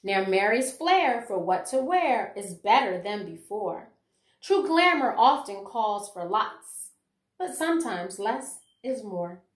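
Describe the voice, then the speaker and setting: A middle-aged educator reads a children's picture book aloud in a medium-pitched voice, deliberate and expressive. She offers commentary on the book for children and teachers. The recording comes from a small room in her home and has a roomy echo.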